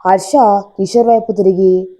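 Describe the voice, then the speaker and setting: Mellow-voiced woman narrating a story. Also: mid-range voice, moderate pace. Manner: expressive storytelling.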